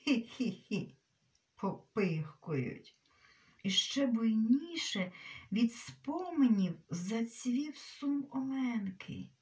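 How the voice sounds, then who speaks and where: A woman reading a literary story aloud, slowly, her voice often dropping to a whisper. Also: a little high, darkish tone, recorded from a distance. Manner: slow, often sinking to a whisper.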